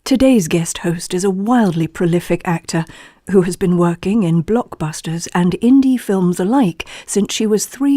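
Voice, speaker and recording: For an audio play, an actress voices an earnest, unflappably polite wellness podcast host introducing a meditation. Her delivery is measured, gentle and deadpan, in a fairly low female voice. The studio-quality recording has no echo.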